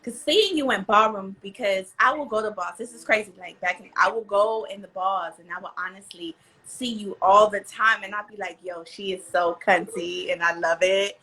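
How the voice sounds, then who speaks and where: A woman's voice: mid-range voice, normal speed, hardly any pauses, sharp tone, rough recording. An American woman hosting a casual live interview with slangy, effusive hype. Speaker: host.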